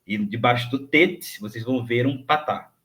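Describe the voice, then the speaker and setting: A man's voice: mid-range voice, normal speed, bright, forceful tone. A man teaching a recorded lesson, patiently repeating each word and checking in with his students often. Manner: clears throat, thinks aloud with hesitations. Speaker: Hebrew teacher. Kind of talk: recorded online grammar lesson.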